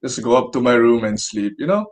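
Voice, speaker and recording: A young man hosts a relaxed, informal chat. His voice is medium in pitch, and he talks casually, like a student among friends. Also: a little fast. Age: young adult. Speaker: podcast host.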